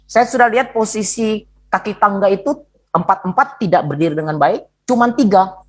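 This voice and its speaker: Husky-voiced man preaching with humor. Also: sits high, fairly quick, poor audio. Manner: lively, jokey storytelling, speaks to listeners directly. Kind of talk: sermon.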